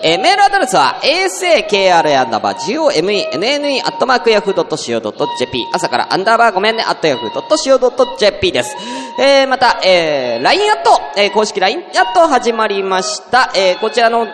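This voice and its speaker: A man hosting an unedited solo internet radio show, grumbling and venting in a casual way, his voice getting hoarse. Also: sits high, wildly swooping pitch, very fast, over music. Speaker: host.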